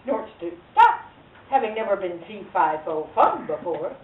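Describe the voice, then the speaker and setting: Performing a children's story live for young listeners, this Louisiana woman speaks at normal speed with big pitch swings in a mid-range voice, her style theatrical, folksy and emphatic. The live recording is tinny, distant and echoey, with noise, taken from a far-off mic.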